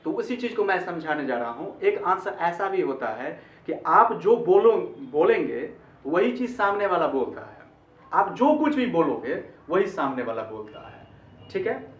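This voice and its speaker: A man's voice: fairly high pitch, sing-song, unhurried. A man teaching an online English grammar lesson, explaining in Hindi, repeating phrases and checking with "ठीक है?". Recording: echoey, distant, dull-sounding recording.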